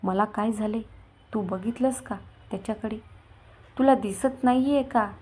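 A woman reads out a jealous young husband in a storybook, scornful and furious. He throws accusations at his wife and her friend in a raised, biting voice, and the pitch sits in the middle. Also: normal speed, warm tone, breathy edge, lightly acted. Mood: jealous fury.

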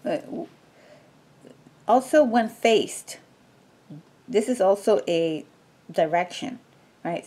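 A woman reads tarot cards in a relaxed, unscripted way, her speech slow and unhurried. Her voice sits somewhat low, and she fills pauses with ums and restarts her sentences as she goes. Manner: slow, rambling, many fillers and restarts. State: sneezing from allergies. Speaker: tarot reader. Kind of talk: casual tarot reading.

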